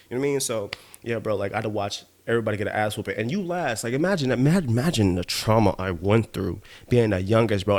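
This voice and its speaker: A man hosting his own podcast, telling stories in a loose, profane way and often asking "you know what I mean", a bit tipsy from drinking. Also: lowish voice. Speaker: podcast host. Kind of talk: casual monologue.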